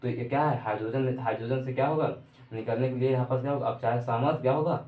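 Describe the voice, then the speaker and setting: A man's voice: mid-range voice, fairly even intonation, fast, a little mellow. A man gives an online chemistry lecture in a room with lots of echo. His voice sits in a middle range. He repeats himself and asks rhetorical questions as he explains. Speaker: chemistry teacher. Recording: echoey room.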